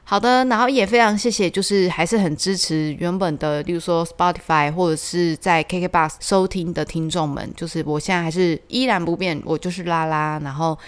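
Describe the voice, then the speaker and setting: Woman, solo podcast host, lowish voice, chatty storytelling, lots of fillers. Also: brisk, hardly any pauses, clear, resonant tone.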